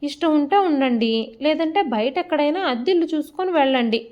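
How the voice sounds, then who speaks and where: A woman voicing a calm, dignified retired father who speaks in a measured, grave way in a family story. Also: high-pitched, highs cut off, voice pushed up. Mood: firm.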